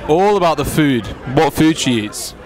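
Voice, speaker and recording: A young man with a high, swooping voice banters casually in a street interview. A loud crowd surrounds him. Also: very animated, moderate pace, rough recording. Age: young adult. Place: outdoors on a busy street at night. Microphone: handheld recorder held by interviewer.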